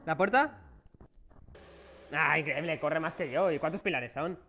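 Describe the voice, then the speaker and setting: A man's voice: on the high side, brisk, sharp tone, slightly rough. A man with a Spain Spanish accent streaming a horror game live, chatting with viewers and cursing when he gets startled. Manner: jumpy, curses and groans when startled. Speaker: livestreaming gamer.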